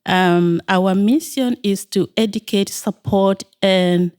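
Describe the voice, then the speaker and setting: Middle-aged woman from south sudan, talks slow and careful with lots of ums, smooth lowish voice, dry studio sound. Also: darkish tone, dry recording. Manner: measured, hesitant with many fillers. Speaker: nonprofit founder, guest. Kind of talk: interview. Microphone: studio microphone.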